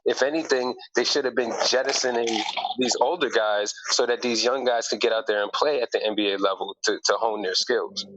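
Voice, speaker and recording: A man's voice: medium pitch, steady tone, fairly quick, a bit bright. A man in a casual sports discussion, making his case emphatically and argumentatively with rhetorical questions. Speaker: basketball podcast panelist. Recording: noisy lo-fi audio with clicks.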